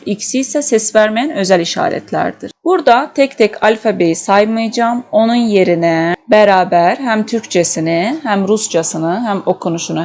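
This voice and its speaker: A young woman teaching the alphabet, patient and clear, saying each example word twice. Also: medium pitch. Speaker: language teacher. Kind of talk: slow, clear alphabet lesson.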